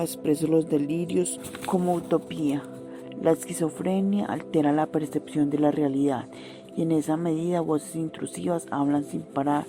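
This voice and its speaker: A woman giving a reflective, prepared testimony. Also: deep voice. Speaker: interview participant, sociology graduate. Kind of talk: reflective testimony, partly read from a script.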